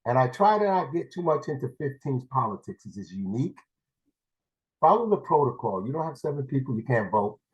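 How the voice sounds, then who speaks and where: A man's voice: mid-range voice, very animated, fairly quick, poor audio. A man from New City, giving a rambling, blunt public comment over a video call as a parent. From New York City.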